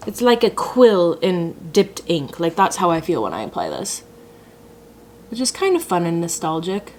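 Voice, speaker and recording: A young woman chats her way through a makeup routine in a fairly low voice, with a faint hiss of noise under it. She is dramatic and quick to laugh at her own mistakes. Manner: chatty, dramatic, self-mocking. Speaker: beauty vlogger. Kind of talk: casual chat while doing makeup.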